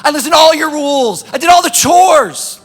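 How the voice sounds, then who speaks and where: A man's voice: extremely high pitch, lively intonation, a little fast, fairly bright tone, in a large hall, soft background music, pitched above the performer's own voice. A man voicing a resentful grown son who complains like a sulky child, acted out in a sermon. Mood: whining. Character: resentful grown older son, whiny and petulant.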